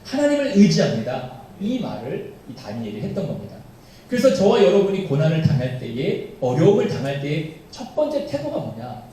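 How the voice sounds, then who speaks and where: A man's voice: fairly high pitch, huge pitch swings, fairly quick, mellow. A man preaching a sermon as pastor, emphatic, asking the congregation rhetorical questions. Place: church sanctuary. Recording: very echoey church from far off, faint noise.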